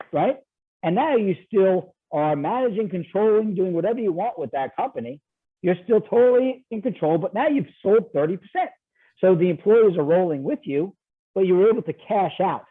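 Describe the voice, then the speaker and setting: Guest expert, man, New York accent, quick and animated delivery, thin phone-like audio, higher voice. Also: slightly rough. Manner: fast-talking, animated, excitable. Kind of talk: interview answers. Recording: tinny phone-like line.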